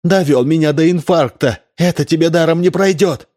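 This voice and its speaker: A man reading a story aloud voices a hysterical, furious secretary wife yelling through a door. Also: fairly high pitch, moderate pace, voice pushed up, lightly acted. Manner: shouting, hysterical.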